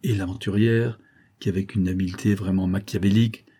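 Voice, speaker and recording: Dark, husky male audiobook narrator. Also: low-pitched, steady tone, a little fast. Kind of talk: scripted narration.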